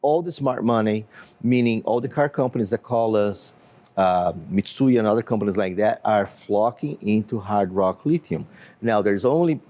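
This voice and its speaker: Explaining his business in an interview, a Brazilian-accented CEO from Brazil keeps a measured pace, filling pauses often. His voice is lowish and mellow.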